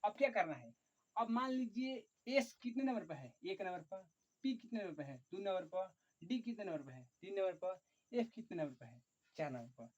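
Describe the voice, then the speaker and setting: A man teaching an online chemistry lesson, dictating slowly and repetitively, often saying "look" and counting aloud. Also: high voice, big pitch swings, a little mellow. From Bihar, India. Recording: dull lo-fi recording.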